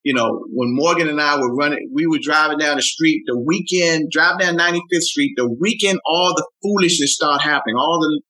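An older man who mentors youth, talking earnestly in an interview, often repeating himself and rising in pitch when moved. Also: brisk, hardly any pauses, pushed and bright, breathy edge, poor audio. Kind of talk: heartfelt conversational interview.

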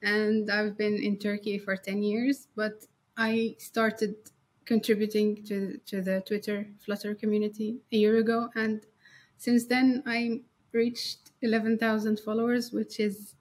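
A woman's voice: mid-range voice, level tone, a little slow. A young woman from Syria, a developer being interviewed, friendly and laughing often, repeating words as she talks. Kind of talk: casual interview.

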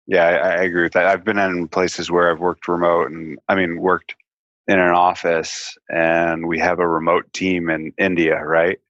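A man's voice: low voice, level tone, normal speed, fairly bright tone, no room sound. A man chatting casually as a co-host, agreeing and adding his own experience. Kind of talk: casual chat. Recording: slightly dull, lo-fi sound.

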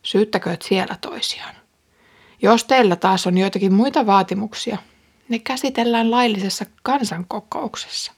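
A city official firmly urging a riotous crowd to calm down, as a woman reads his speech. The delivery is measured and admonishing, in a husky, breathy mid-pitched voice. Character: male city clerk calming an angry crowd.

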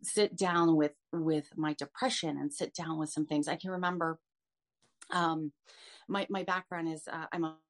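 A woman's voice: low-pitched, fairly even intonation, moderate pace. A woman in her fifties, a podcast guest, earnestly telling her story of faith with frequent restarts. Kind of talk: personal testimony in an interview.

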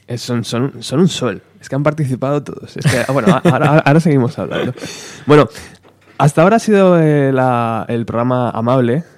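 A man's voice: medium pitch, animated, brisk, no echo. Dry-sounding male podcast host. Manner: friendly, teasing, reads listener questions. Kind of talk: casual interview hosting.

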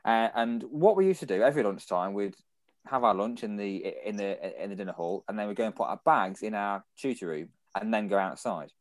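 A young British man shares rambling anecdotes on a podcast, often breaking into laughter. His voice sits low, and the sound is dry and close. The talk is casual and loose. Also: fairly quick, no room sound. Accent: British English. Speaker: podcast co-host. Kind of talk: casual chat.

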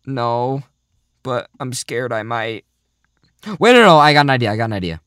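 A young man hosting a casual, goofy podcast chat, talking in a mock-serious, rambling way that often trails off quietly. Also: mid-range voice, lively intonation, normal speed, clear, resonant tone, no echo, clean studio sound. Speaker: podcast host.

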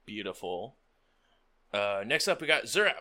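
A man's voice: on the low side, big pitch swings, normal speed, bright, forceful tone. A man hosting a tabletop roleplaying game as game master, addressing players and audience.

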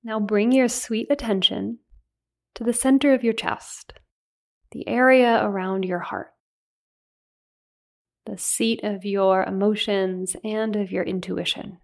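Female meditation guide, mid-pitched voice, soothing and unhurried, gentle pauses between phrases. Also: steady tone.

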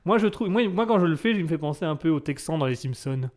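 Young man, radio host, high-ish voice, teasing and self-deprecating. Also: expressive, fast talker, a little mellow. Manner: playful, self-mocking banter. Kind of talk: joking live radio chat.

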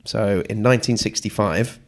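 A man's voice: fairly low pitch, moderate pace. A man co-hosting a travel podcast, chatting casually and sharing trivia with enthusiasm. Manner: enthusiastic, shares trivia and recommendations. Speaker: podcast co-host. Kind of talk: casual chat.

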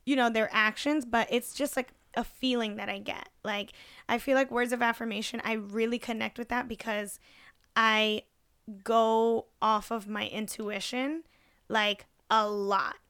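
A woman's voice: on the high side, a little slow, clean tone, dry recording, studio quality. A young woman in casual podcast chat, talking freely with lots of fillers. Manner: chatty, many fillers, animated.

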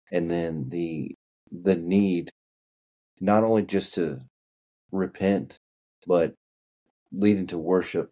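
Kentucky guy chatting on a podcast, real low soft-edged mellow voice, kinda halting and restarts a lot. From Kentucky, United States. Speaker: podcast guest. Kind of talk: casual podcast conversation.

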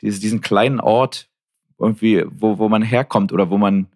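A man with a Berlin accent speaks in a fairly low voice. He talks things over slowly in casual conversation, pausing often and restarting his sentences. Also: steady tone, darkish tone. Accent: Berlin German. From Berlin, Germany. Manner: reflective, halting, many restarts and fillers.

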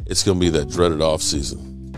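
A man's voice: very deep voice, steady tone, normal speed, soft background music. Joking, swearing man hosting a sports talk show. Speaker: podcast host. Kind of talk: casual chat.

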